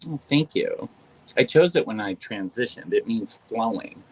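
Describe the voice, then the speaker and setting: A woman's voice: rumbling low, expressive, unhurried, slightly rough, full character voice, low-quality recording. A woman playing an anxious, apologetic young volunteer. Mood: earnest. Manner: hesitant and apologetic, with frequent "I'm sorry". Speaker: volunteer on a visual-help app call. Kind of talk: stage play performed over video call.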